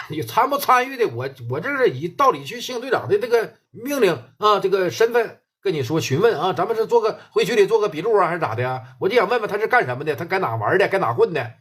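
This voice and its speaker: A man's voice: sits high, very animated, quick pace, fairly bright tone, husky, pitched above the performer's own voice, full character voice. A man voicing a brash, domineering middle-aged police captain with a Northeastern Mandarin accent, questioning bluntly. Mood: pushy.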